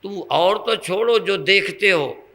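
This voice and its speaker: An older man delivers a spiritual sermon at a very unhurried pace, his voice gravelly and fried at the edges. The tone is bright and forceful, a little higher than most men, and he teaches by posing questions to his listeners. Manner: slow, teaching with rhetorical questions and examples. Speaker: swami giving a spiritual discourse.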